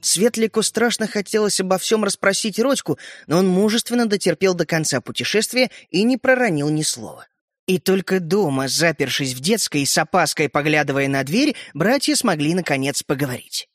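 A man narrating a children's audiobook in an expressive storytelling manner. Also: high voice, fairly quick, no room sound, clean studio sound.

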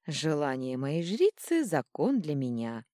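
Smug, mischievous male chaos godling voiced by a woman, very lively, dry close sound. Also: low voice, measured pace, no room sound. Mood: teasing. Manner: teasing, smug, purring.

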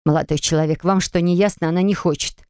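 A woman's voice: lowish voice, steady tone, quick pace, darkish tone, clear, resonant tone, no room sound, studio quality, close to an everyday voice. A woman narrator voicing a stern, protective middle-aged mother who speaks curtly and forbiddingly. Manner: curt and forbidding.

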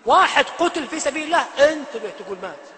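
Brief: male preacher, quick and bright, sermon in a reverberant hall. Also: very high voice. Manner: animated, swings from loud emphatic to hushed.

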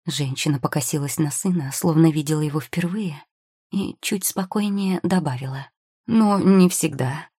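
Audiobook narrator, woman, low husky voice, dry close sound, measured storytelling. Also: mellow, dry recording. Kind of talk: scripted narration.

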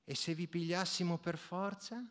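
A man voicing a cheeky, boisterous young working man who teases and jokes loudly. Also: high voice, flat delivery, moderate pace, voice pushed up. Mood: teasing, boisterous. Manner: teasing, loud and boisterous.

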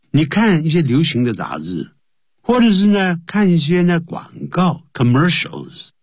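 A man's voice: mid-range voice, a little mellow, slightly rough, dry recording. A man teaching English on the radio, explaining phrases in Chinese and spelling words out letter by letter.

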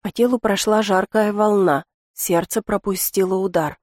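A woman narrates a first-person audiobook in a measured, intimate way. Her voice sits in the middle of the range for a woman. The recording is dry and close, with no sound of the room. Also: medium pitch, steady tone, darkish tone, dry recording.

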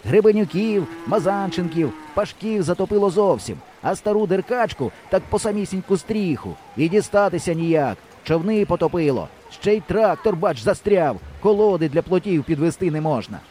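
A worried village man who talks urgently in a raised voice, as an audiobook reader puts him on. The storybook voice sits higher than the reader's own. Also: animated, moderate pace, few pauses, dark tone, slight background noise. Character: worried male villager talking in the dark.

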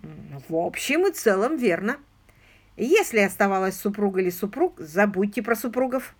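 A woman voicing a measured older male lawyer in an audiobook, explaining carefully and qualifying what he says. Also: medium pitch, animated, close to an everyday voice. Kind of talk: audiobook character reading.

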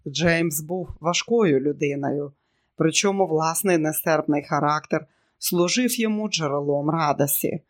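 A man narrating an audiobook in a measured, steady way. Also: fairly high pitch. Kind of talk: scripted narration.

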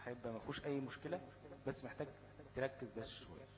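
A man's voice: mid-range voice, fast talker, rough recording. A man with an Egyptian Arabic accent teaching a class on recitation rules. He poses questions to his students, answers them himself and keeps checking that they follow. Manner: checks in constantly with "okay?".

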